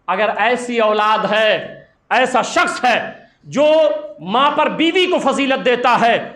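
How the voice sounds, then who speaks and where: High, bright-voiced male preacher. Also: reverberant. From India. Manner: impassioned storytelling with emphatic repetition. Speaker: Islamic preacher. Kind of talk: sermon.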